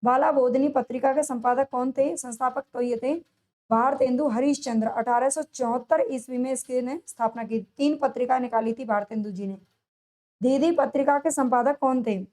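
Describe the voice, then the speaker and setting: A woman teaching a lesson for competitive exams. She asks each question, answers it herself, and repeats the key answers slowly with stress. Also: high voice, fairly even intonation, warm tone. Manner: drawn-out, stressed delivery on answers. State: sore throat. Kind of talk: exam-prep lesson, solving multiple-choice questions.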